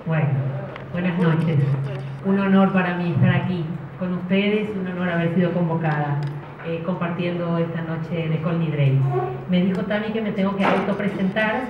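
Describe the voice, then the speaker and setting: A woman's voice: lowish voice, fairly even intonation, moderate pace, background noise. A woman from Paraguay speaking as an educator on a panel, hesitant and self-deprecating with frequent filler sounds. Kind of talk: panel talk. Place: community center hall. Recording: echoey hall, far mic, dull sound.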